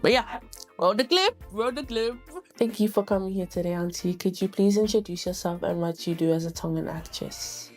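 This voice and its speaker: A woman's voice: medium pitch, normal speed. A young woman with a mid-range voice hosts an interview. She asks her questions politely and simply. Faint music sits behind her. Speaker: interview host. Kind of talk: hosting an interview.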